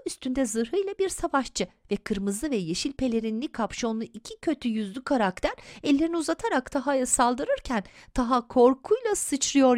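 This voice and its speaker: A woman's voice: high voice, darkish tone, no echo, studio quality. Woman reading a children's comic aloud. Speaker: audio description narrator.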